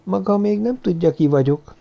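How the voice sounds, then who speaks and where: A man's voice: high-pitched, lively intonation, vocal fry, warm tone, dull audio, voice pushed up. A man voicing a seductive, commanding middle-aged woman who speaks in a sultry whisper in an audiobook. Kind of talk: audiobook character voice.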